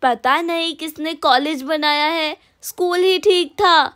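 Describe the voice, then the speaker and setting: A woman's voice: high voice, slow pace, a bit bright. A woman voicing an impatient young college girl in a storybook tale.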